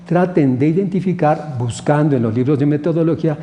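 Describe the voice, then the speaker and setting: A man's voice: on the high side, brisk, warm tone, a little hiss or hum. A man with a Mexican Spanish accent teaching research methodology in a recorded lecture, asking questions and answering them himself. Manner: didactic, asks rhetorical questions and answers them. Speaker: instructor.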